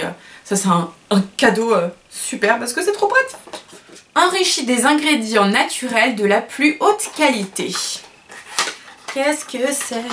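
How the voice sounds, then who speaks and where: Woman, beauty vlogger, casual unboxing chat, gushing, rambling with fillers, fairly high voice. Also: a bit bright. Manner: gushing and chatty, many fillers and self-corrections.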